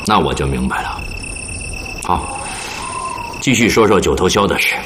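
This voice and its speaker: An actor playing a commanding army officer in a TV drama, shrewd, measured and decisive as he interrogates. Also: low voice, expressive, background noise. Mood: probing. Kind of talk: television drama acting.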